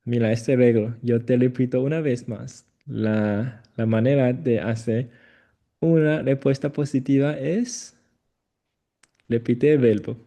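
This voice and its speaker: Slow, gravelly-voiced male Chinese tutor. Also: mid-range voice, fairly even intonation. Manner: slow, repeats phrases, gentle corrections. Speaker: Chinese teacher. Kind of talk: patient one-on-one language lesson.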